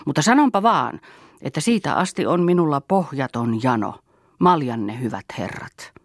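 A man's voice: medium pitch, very animated, no room sound, studio quality. A man voicing a male drinker earnestly confessing his endless thirst. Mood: rueful.

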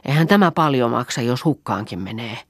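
A woman voicing a frightened farm girl lost in the forest at night, calling out loudly to urge the others on. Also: very deep voice, lively intonation, slightly rough, dry recording, clean studio sound, heavily acted. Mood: urging. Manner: calls out loudly, urging the others on.

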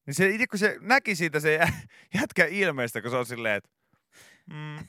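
A man's voice: fairly high pitch, big pitch swings, pushed and bright, no room sound, studio quality. A man hosting a morning radio comedy show, rambling through a story with hesitations and restarts. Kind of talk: comic morning radio banter. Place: radio studio.

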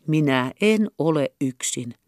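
A woman voicing a secretive revolutionary army captain, earnest and hushed, in an audiobook. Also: low voice, lively intonation, no room sound, clean studio sound. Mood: whispered secretive.

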